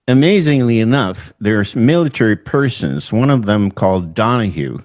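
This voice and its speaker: A middle-aged man from northern Sweden with a Swedish accent, hosting an online interview in a slow, halting way with many fillers. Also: fairly low pitch, a little mellow. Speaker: host.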